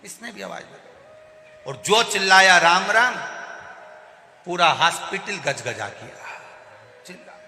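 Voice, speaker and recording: A male preacher from Madhya Pradesh telling a devotional story in an animated way. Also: high voice, a little slow. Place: large religious gathering. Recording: echoey hall, faint music.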